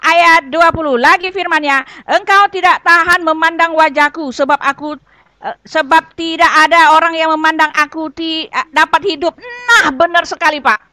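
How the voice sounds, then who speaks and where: A woman's voice: very high voice, moderate pace, sharp tone, dry recording. A woman answering a question in an online debate, reading and explaining verses earnestly. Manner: earnest, explaining, repeats "Pak" and "gitu loh".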